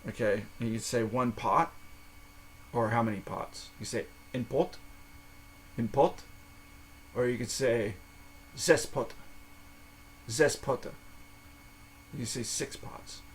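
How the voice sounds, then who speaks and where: An American man, a native English speaker, hosting a casual language lesson, slow and halting, with restarts and letters spelled out one by one. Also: medium pitch, fairly even intonation, a little hiss or hum. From United States. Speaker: podcast host.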